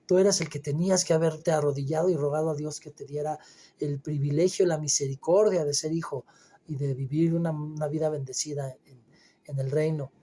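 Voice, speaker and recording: Man preaching, husky and dark. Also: fairly high pitch, steady tone, brisk. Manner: emphatic, conversational preaching with frequent fillers and restarts. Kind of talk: Bible reading and commentary sermon.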